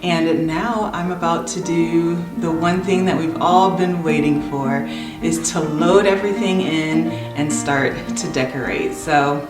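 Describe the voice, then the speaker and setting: Low-voiced woman hosting a DIY vlog. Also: a little slow, roomy sound, loud music behind the voice. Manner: chatty, addresses viewers directly. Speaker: DIY home makeover channel host. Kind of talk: casual how-to vlog talk to viewers.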